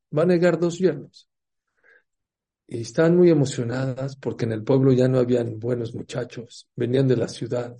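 This man's voice is mid-range, mellow and husky as he delivers a religious talk. A teacher of religion, he tells stories, quizzes his listeners and performs the voices of the characters.

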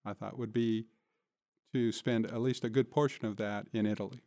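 This interview guest is an older man nearing retirement who works as a city manager, answering questions plainly, reflectively and conversationally in a studio. His fairly low voice is a little mellow with fairly even intonation at a moderate pace, recorded dry.

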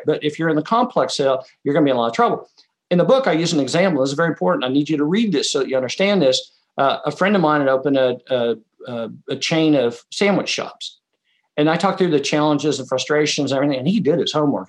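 Man, fairly high voice, business author guest, emphatic conversational teaching, acts out stories. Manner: emphatic, tells stories with quoted dialogue.

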